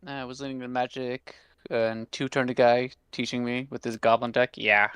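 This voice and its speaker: A man chatting casually with a friend on a stream, rambling and animated, swearing now and then. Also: medium pitch, moderate pace, clear, resonant tone, dry recording. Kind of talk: casual chat.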